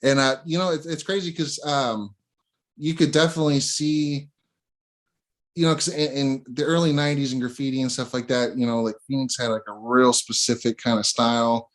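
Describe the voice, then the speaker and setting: A man's voice: mid-range voice, steady tone, normal speed. A man hosting a casual interview, talking in a laid-back way with lots of slang fillers. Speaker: interview host.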